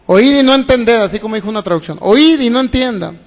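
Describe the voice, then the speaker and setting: A man's voice: very high voice, lively intonation, fast talker. A man preaching a sermon as pastor, reading scripture and asking the congregation rhetorical questions. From Mexico. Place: church hall. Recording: long hall reverb.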